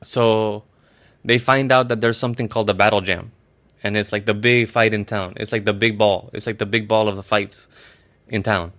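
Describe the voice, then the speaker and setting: Rambling, deadpan male storyteller. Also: lowish voice, moderate pace. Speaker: comedic storyteller. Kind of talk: casual comedic retelling.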